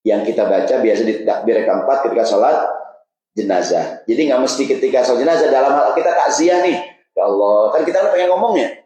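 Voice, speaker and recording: A man's voice: mid-range voice, fast talker, dark tone. A man preaching a casual, humorous sermon, joking and asking the audience questions. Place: mosque hall. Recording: roomy mosque echo.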